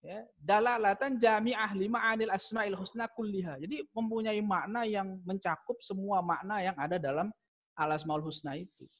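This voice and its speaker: A man teaching an online class on Arabic grammar, with a voice pitched a little above the usual for men. He explains step by step and rises in emphasis on the points that matter, now and then chuckling at a funny example. The sound is that of a video call. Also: moderate pace, a bit bright. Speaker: Islamic studies lecturer.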